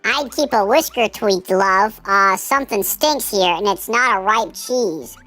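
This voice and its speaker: A man reading a teasing female thief through a voice changer that raises his pitch, speaking in a coy, drawn-out manner. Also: pushed and bright, soft background music. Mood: flirty. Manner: purring, coy, drawn-out endearments. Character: flirty, teasing woman, a sly thief. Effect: voice changer raising the pitch. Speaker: streamer voicing game characters.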